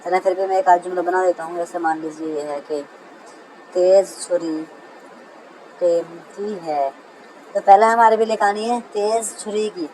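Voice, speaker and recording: Man, grammar teacher, lecture, calls listeners brother, slow example readings, faint room ambience. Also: high voice, steady tone, darkish tone, slight background noise, low-quality recording. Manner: asks a question and answers it himself; keeps addressing listeners as brother. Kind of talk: classroom lecture.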